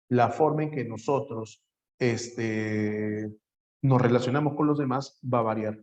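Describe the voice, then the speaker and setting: A man's voice: mid-range voice, darkish tone. A man teaching psychology in a classroom, repeating phrases and firing questions at his students. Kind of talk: lively classroom lecture.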